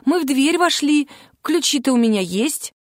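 A woman's voice: high voice, lively intonation, moderate pace, no room sound, clean studio sound, voice pushed up. A woman voicing a fussy older mother who is easily scandalized and wails. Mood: tart. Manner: wailing, exclaiming.

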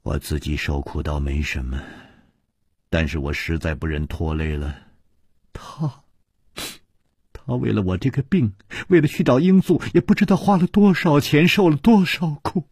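Hushed sorrowful lady, as a man puts her on, low soft husky, dry close radio sound. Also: very animated, unhurried, dry recording, exaggerated voice. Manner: quiet, subdued, sometimes whispered. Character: sorrowful ailing woman confessing schemes. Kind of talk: storytelling radio performance.

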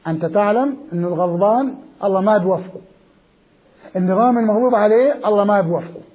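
A man's voice: sits high, fast talker, husky. A man giving a Quran commentary lecture, emphatic, repeating key words and asking rhetorical questions. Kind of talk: classroom lecture. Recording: dull lo-fi recording.

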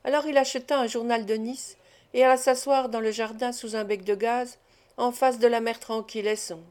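A woman narrates a nineteenth-century novel for an audiobook, in an even and measured storytelling voice. Her pitch sits a little above the usual. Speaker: audiobook reader.

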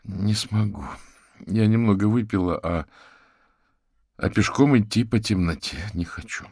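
A man's voice: fairly low pitch, unhurried, a little mellow, slightly rough, no echo, studio quality, pitched above the performer's own voice. A man voicing a shaken young woman who has been drinking and is worn out, read in an audiobook. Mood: shaky. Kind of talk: audiobook character reading.

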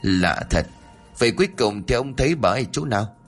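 A man doing a gruff worn-out old villager. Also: mid-range voice, expressive, fairly quick, faint music behind, natural voice. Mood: weary. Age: older. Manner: gruff, scolding, weary.

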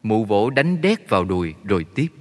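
A man narrating a story in a steady, measured way. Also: lowish voice. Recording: long reverb.

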